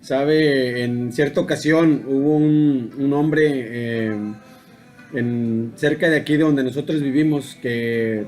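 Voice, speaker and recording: A man giving a daily devotional sermon, telling a story in an unhurried, halting way, full of fillers and repeated tag questions. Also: mid-range voice, fairly even intonation, darkish tone, soft background music. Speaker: preacher.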